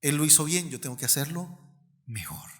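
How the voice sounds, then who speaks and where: A Colombian man preaching a sermon as pastor, animated and acting out the people in his stories. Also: a little high, brisk, in a large hall. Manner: animated, acts out quoted voices.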